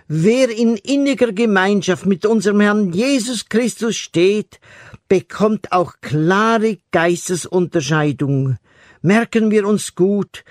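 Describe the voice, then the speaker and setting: A man's voice: sits high, dry recording, clean studio sound. A man preaching a radio sermon, earnestly exhorting and addressing the listener directly.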